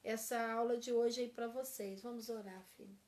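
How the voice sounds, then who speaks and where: High-voiced woman teaching couples. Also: fairly even intonation, normal speed, darkish tone. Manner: acts out example phrases, asks the class "né?". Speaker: church seminar teacher.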